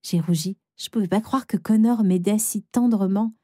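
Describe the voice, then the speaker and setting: A woman narrating a first-person animated story as a dramatic, expressive teenage girl. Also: mid-range voice, moderate pace, no echo, studio quality, natural voice. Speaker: narrator and heroine.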